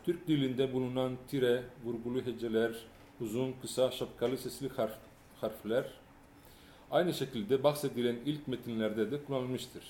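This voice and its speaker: A man lecturing in an echoey hall, his delivery measured and halting, pausing on fillers and correcting himself as he works through read-aloud material. His voice is mellow and dark at a middle pitch, and a faint hum sits behind him. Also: steady tone. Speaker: lecturer on music history.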